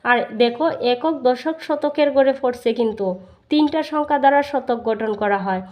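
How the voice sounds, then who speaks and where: A woman's voice: sits high, normal speed, darkish tone. A woman with a Bangladeshi Bengali accent teaching a primary school math lesson, explaining step by step and answering her own questions.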